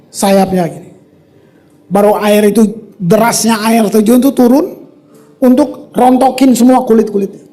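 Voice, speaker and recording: A pastor preaches a sermon from a church stage in a very high, lively, animated voice. He shifts between relaxed, casual slang and readings from scripture, using dramatic pauses and sudden loud outbursts.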